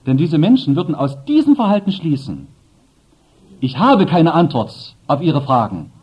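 An animated male preacher whose pitch swings widely as he presses his points and turns to the congregation with asides. His voice is husky. The sermon recording is dull and lo-fi. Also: normal speed.

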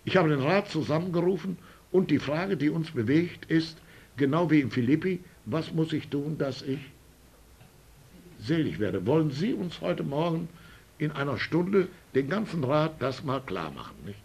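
An older male pastor preaching a sermon, telling stories and often tagging "nicht?", building up to loud, emphatic passages. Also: fairly high pitch, expressive, moderate pace, vocal fry, breathy edge.

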